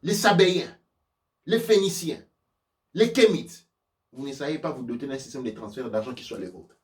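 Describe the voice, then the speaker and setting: A sub-Saharan African man, a preacher and spiritual teacher, lectures with sermon-like passion, pressing his message through emphatic repetition and rhetorical questions. His medium-pitched voice is expressive and moderately paced, and the sound is roomy, with the mic well away from him.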